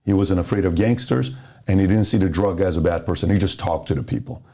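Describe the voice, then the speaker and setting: A low-voiced, fast-talking middle-aged man from Iran, guesting on a podcast, tells motivational stories. He's animated and plays out the conversations within them.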